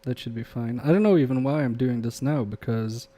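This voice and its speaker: Speaking a little fast with a warm, medium-pitched voice, this young man, a native Polish speaker, fixes electronics on a live stream. He's chatty, reads the chat out loud, and drifts into muttering to himself as he works at the bench.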